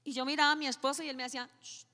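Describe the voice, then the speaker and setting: A woman pastor preaches to her congregation in an animated storytelling manner, acting out the voices in her story. Her voice sits a little high. It rings with long hall reverb, and faint music plays behind her. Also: racing. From Colombia. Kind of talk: sermon.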